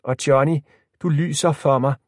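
A man's voice: a little high, fairly even intonation, dry recording, studio quality, pitched above the performer's own voice, lightly acted. A man doing a brash teenage boy. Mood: commanding. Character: bold, reckless teenage boy.

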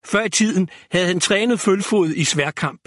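A man narrating a children's fantasy story in a steady, clear reading. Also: high-pitched, dry recording, studio quality.

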